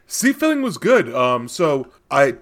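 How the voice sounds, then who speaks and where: A man co-hosting a casual podcast, telling a relaxed, jokey story to friends. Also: mid-range voice, unhurried. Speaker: podcast co-host. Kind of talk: casual chat.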